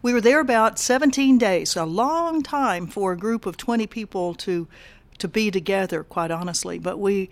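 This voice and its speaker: An older woman who is a peace activist answers interview questions casually in a medium-pitched voice. Her speech is halting, with frequent pauses, fillers, and restarts.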